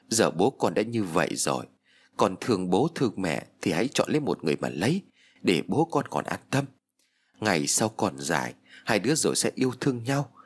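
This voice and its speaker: Male narrator reading a sad middle-aged mother, soft-spoken and persuasive, husky voice. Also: lowish voice, exaggerated voice.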